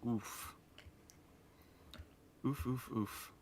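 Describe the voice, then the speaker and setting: A man's voice: medium pitch, steady tone, very slow, background noise. An American man guesting on a stream, chatting casually with laid-back dry humor. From United States. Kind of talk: casual chat.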